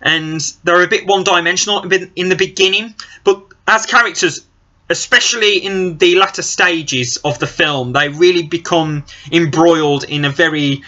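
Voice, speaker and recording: A man's voice: fairly high pitch, bright, forceful tone. A young man giving a casual film review from a small office, talking earnestly with frequent "I think" hedges into a webcam. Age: young adult. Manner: earnest, gesturing as he talks, many "I think" hedges. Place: small cluttered office indoors. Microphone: built-in webcam mic at desk distance. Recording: dull lo-fi webcam audio.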